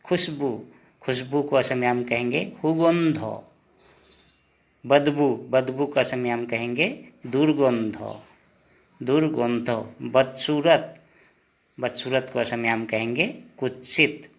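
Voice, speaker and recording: A man giving a vocabulary lesson, saying each word slowly and repeating it several times. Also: medium pitch, steady tone, fairly bright tone. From India. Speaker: language teacher. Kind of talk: slow spoken vocabulary lesson.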